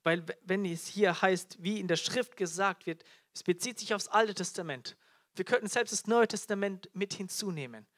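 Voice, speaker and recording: A man's voice: high voice, moderate pace, fairly bright tone. A man preaching a live sermon to a congregation, fervent, often calling out hallelujah and repeating key phrases. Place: church teaching event before a congregation.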